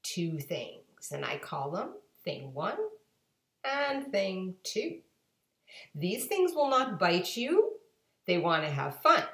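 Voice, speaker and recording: A mischievous storybook cat and showman, voiced by a woman, carefree and showy. The lines are drawn out slowly with lively swings of pitch, in a roomy home recording. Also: exaggerated voice. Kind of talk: animated children's storybook reading.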